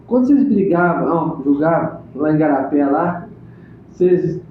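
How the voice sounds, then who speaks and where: A chatty male interviewer with a notably high voice keeps prompting his guest with questions. The sound is thin and phone-like, drenched in echo, with faint background hiss. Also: expressive, moderate pace. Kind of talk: casual interview chat. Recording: echoey room on a tinny phone-like line.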